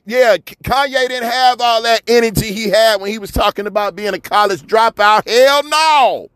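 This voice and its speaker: A man's voice: extremely high pitch, a bit bright, no room sound. A man from Chicago delivering a fiery, repetitive, preachy monologue rant, often swearing as he hammers his points home. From Chicago, USA. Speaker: commentator.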